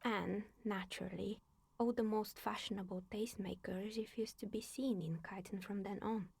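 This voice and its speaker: An older woman in a video game who loves to tell local gossip. Her voice is gravelly and breathy, at a middling pitch, and she delivers her stories with dry, wry humor. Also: steady tone, moderate pace, no echo. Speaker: game character.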